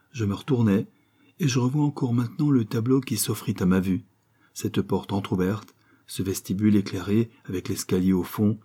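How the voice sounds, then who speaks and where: A man narrating a classic novel as an audiobook, reading in a measured, descriptive way. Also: lowish voice, dark tone, slightly rough. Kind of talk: scripted literary narration.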